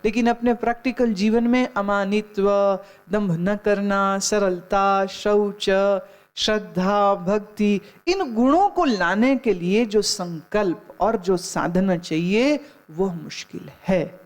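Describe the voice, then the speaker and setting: A middle-aged woman, a spiritual teacher, gives a Gita discourse in a mid-range voice at a slow pace. She tells stories, admonishes her listeners, and slips English phrases into her talk.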